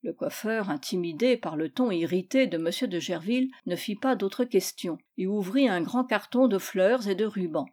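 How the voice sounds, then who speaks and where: A woman reading a classic children's novel aloud in a measured, expressive storytelling manner. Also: mid-range voice. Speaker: reader. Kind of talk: scripted narration.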